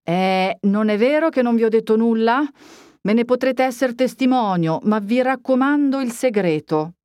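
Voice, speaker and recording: A woman reads aloud, insistently voicing a chatty village woman who demands secrecy. She pitches slightly above her own natural voice while staying close to everyday speech, with a darkish tone at normal speed. The recording is dry and clean, studio quality.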